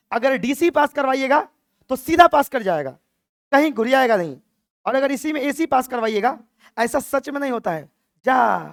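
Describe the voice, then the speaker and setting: A man's voice: extremely high pitch, no echo, studio quality. A man teaching physics in a playful classroom lecture, acting out dialogue lines in a mock-dramatic voice. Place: classroom with a board.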